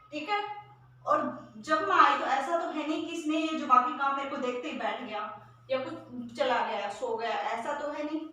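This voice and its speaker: A woman teaches a grammar lesson, walking through each point step by step and checking in often. Her voice is high and bright. The recording is echoey and distant, with a faint hiss behind it. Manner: explains step by step, repeats key terms, often checks with "ठीक है". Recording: echoey room, mic far off, faint noise.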